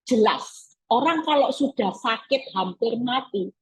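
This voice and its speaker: A woman's voice: fairly high pitch, lively intonation, measured pace, husky, rough recording. A woman evangelist preaching a sermon over a video call, emphatic and acting out pleading prayers.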